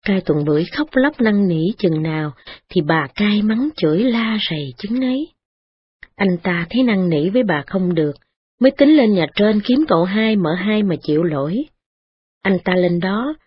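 A woman reading a story aloud in a steady, expressive way. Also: medium pitch, husky. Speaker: narrator. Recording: dull lo-fi recording with faint music.

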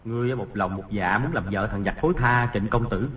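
A man's voice: fairly low pitch, a little fast, distant mic, lightly acted. A man voicing a boastful, scheming teenage boy's inner thoughts in an audiobook, on a dull lo-fi recording. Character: scheming cocky teenage boy hero.

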